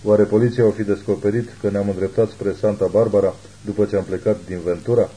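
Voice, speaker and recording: A man's voice: fairly low pitch, fairly even intonation, mellow, slight background noise, close to an everyday voice, low-quality recording. A man reading a frightened mother on the run. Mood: worried. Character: hunted woman mother, fearful.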